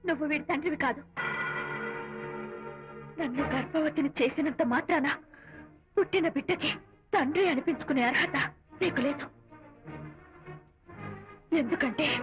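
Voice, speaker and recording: An actress playing a young mother who forcefully defends her baby, in emotional film dialogue. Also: very high voice. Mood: bitter. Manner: forceful, accusing. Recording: dull film audio with music. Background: film score.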